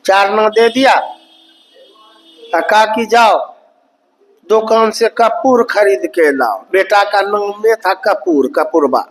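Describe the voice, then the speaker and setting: Guy preaching, folksy storytelling sermon, high voice, talks slow. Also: rough recording. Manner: folksy, acts out quoted voices while narrating. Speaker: spiritual teacher. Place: satsang hall.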